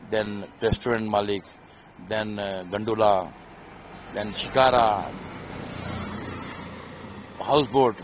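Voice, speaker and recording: A man's voice: lowish voice, a little hiss or hum. A middle-aged man, an army officer, speaking in an impassioned, emphatic interview, pleading and repeating himself.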